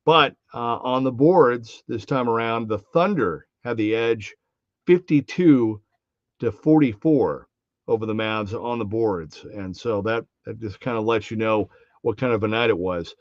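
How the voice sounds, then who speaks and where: A man's voice: medium pitch, measured pace, no echo, muffled recording. A man hosting a podcast, giving a casual post-game basketball recap with lots of fillers and restarts. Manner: conversational, many fillers and restarts. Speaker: podcast host.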